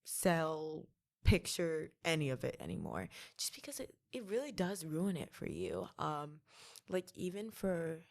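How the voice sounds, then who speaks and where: A chatty young woman in her twenties, talking as a podcast guest about her hobbies with a relaxed, self-mocking humor. Her voice sits a little low and has a gravelly fry running through it. She fills her sentences with "like" as she goes. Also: measured pace. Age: 20s. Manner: chatty, heavy use of "like", playful self-mocking. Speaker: podcast guest, college student. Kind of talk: casual interview chat.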